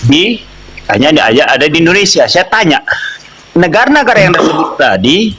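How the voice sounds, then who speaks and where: A man's voice: fairly high pitch, sing-song, a little fast, bright, forceful tone, slight background noise. A man in a debate who keeps insistently repeating his question. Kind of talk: interfaith debate.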